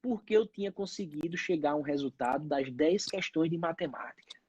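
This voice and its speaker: A man's voice: a little high, a little fast, a little mellow, lo-fi sound, a little hiss or hum. A man, telling his own story as an interview guest, acting out the voices of the people in it. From Northeast Brazil. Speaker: pediatrician guest.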